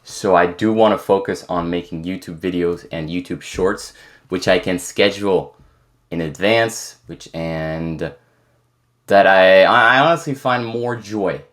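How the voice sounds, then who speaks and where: With a low, somewhat bright voice and a slightly slow pace, this twenty-something man from France chats through viewer questions, restarting often as he rambles. French is his native language, yet his English leans American with only a hint of French; he's a content creator doing a casual Q&A.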